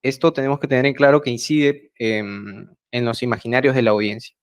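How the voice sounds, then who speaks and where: Over a video call mic at home, a man gives a measured, prepared talk to an online project meeting. He comes from Peru's central Andes and has a Peruvian Spanish accent. His mid-range voice keeps a steady tone, and he pauses often with hesitant fillers.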